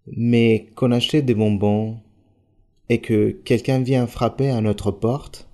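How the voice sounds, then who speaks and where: A man from the congregation respectfully asking a church leader questions, a little hesitant and pausing with fillers. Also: medium pitch, steady tone, mellow.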